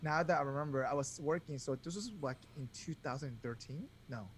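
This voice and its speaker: A man's voice: medium pitch, a little fast, a little hiss or hum. Laid-back male podcast co-host. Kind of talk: casual chat.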